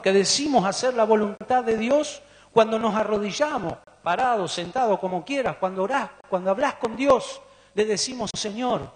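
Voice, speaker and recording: A man with a Rioplatense Spanish accent preaching a sermon, putting questions to the congregation. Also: high voice. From Argentina. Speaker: pastor. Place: church hall. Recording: long church reverb.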